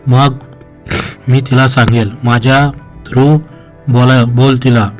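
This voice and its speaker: Male reader voicing a jealous, sharp-tongued young woman; storybook reading, flat delivery, faint music behind. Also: mid-range voice, slow pace, lightly acted. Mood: scolding. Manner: sharp, scolding. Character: jealous young woman scheming over her crush.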